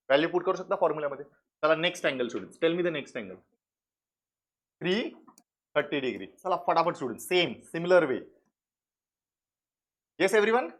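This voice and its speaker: A man with a Marathi accent teaching a math class, drilling students with quick questions and answering them himself, mixing English into his lesson. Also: on the high side, fairly bright tone. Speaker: math tutor. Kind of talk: classroom lecture.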